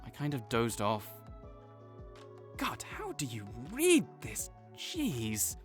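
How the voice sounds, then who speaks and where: Here a young man voices a grudgingly kind, prickly academic rival, his mid-range pitch swooping wildly as he takes his time. Faint music plays behind him while he teases and defends himself to a listener who never speaks, the mood one of bickering, in an audio roleplay.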